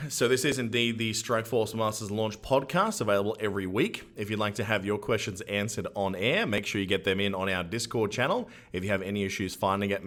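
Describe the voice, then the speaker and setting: A man's voice: fairly low pitch, fairly bright tone. A man hosting a podcast, chatting in an upbeat, joking way and plugging the show. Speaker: podcast host. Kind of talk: casual podcast chat.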